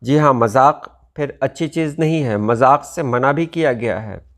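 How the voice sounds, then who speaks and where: A man with an Indian Urdu accent teaching a video language lesson, explaining in a measured way with frequent pauses to think. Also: medium pitch.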